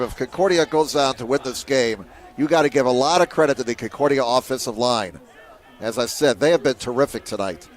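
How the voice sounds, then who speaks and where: A man calling play-by-play for a high school football game, steady and measured that rises sharply on big plays. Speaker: play-by-play commentator.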